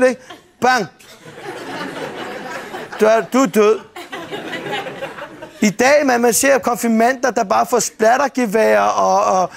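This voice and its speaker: High-voiced, gravelly comedian on stage. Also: male voice. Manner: animated, swears freely, acts out scenes with shouts and bang sounds. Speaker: stand-up comedian. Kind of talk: stand-up storytelling. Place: stage before a live audience. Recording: TV broadcast with audience noise. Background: audience laughter.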